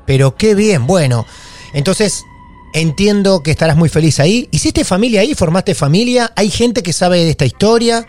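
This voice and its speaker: A male podcast host, keenly following a caller's story and chiming in with quick reactions. His voice sits a bit high for a man, with faint music playing behind him. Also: lively intonation, darkish tone. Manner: engaged, reacts with short interjections. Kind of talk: hosting a call-in paranormal podcast.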